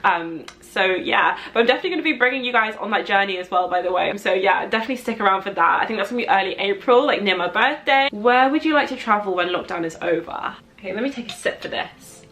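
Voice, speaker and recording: A woman's voice: medium pitch, animated, fast talker, hardly any pauses, a bit bright. A young adult woman with a London accent chatting casually as she answers viewer questions, thinking aloud in a rambling way with frequent asides. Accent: London English. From London, England.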